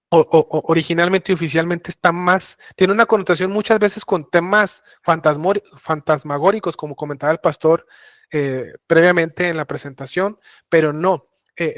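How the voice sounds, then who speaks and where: A man giving a Bible teaching talk, explaining slowly with many fillers and restarts. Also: fairly high pitch, no echo, clean studio sound. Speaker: preacher.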